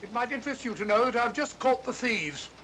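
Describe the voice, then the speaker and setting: A man's voice: brisk, full character voice. An older man with a British accent, acting a bumbling, earnest retired doctor turned sleuth in a vintage mystery film, blustery and stammering. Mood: self-satisfied. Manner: hesitant, stammering, self-important. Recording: vintage film soundtrack, steady train rumble.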